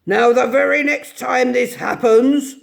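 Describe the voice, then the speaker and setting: A woman voicing a gruff but kindly old male badger who speaks heartily, in a storybook reading. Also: high-pitched, fairly even intonation, a little slow, voice pushed up, exaggerated voice. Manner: hearty, grave.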